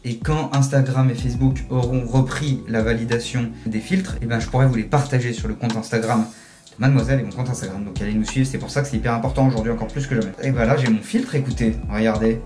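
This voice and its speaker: A man's voice: mid-range voice, steady tone, quick pace, over music. A man hosting a casual tutorial video, explaining step by step in a chatty, jokey way. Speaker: video host.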